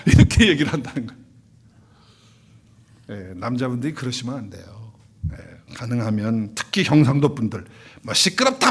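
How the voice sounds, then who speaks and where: A man's voice: medium pitch, breathy edge. A male pastor preaching a Sunday sermon in a church, asking the congregation questions and acting out quoted couples. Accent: Korean. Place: church sanctuary.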